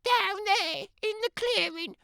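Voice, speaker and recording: Prissy little storybook girl, squeaky high voice, bright, boastful, self-admiring. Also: slow pace, gravelly, dry recording, studio quality, full character voice. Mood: boastful, eager.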